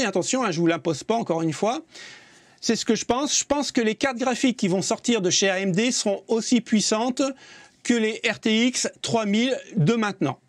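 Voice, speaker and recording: Higher-voiced man, casual tech host, opinionated and repetitive. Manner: opinionated, repeats himself, hedges with "je pense".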